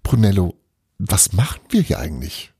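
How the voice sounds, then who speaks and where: A man's voice: sits low, big pitch swings, moderate pace, mellow, slightly rough, dry recording, clean studio sound, full character voice. Belana, a man voicing a bossy cheerful woman. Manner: pushy, cheerful, teasing. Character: lively bossy young woman, a sculpting partner.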